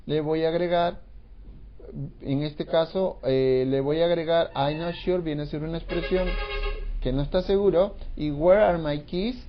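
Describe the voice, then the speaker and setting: A man teaching an English grammar lesson in Spanish, explaining slowly and repeating phrases, with English examples mixed in. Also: a little high, steady tone, lo-fi sound, slight background noise.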